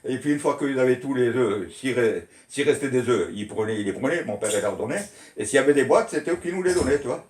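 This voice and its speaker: A man's voice: medium pitch, animated, fast, darkish tone. Older man, colloquial storyteller, rambles, laughs often, roomy echo. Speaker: storyteller recalling childhood. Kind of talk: casual reminiscing. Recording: echoey room.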